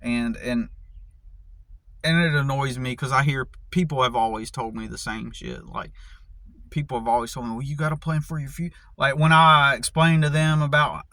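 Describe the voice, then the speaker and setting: A man's voice: mid-range voice, moderate pace, pushed and bright, no echo. Angry American guy venting to camera, swearing constantly and restarting sentences, mid-range voice, dry close sound. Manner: profane, angry ranting with many restarts. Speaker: vlogger. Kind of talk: casual vlog rant.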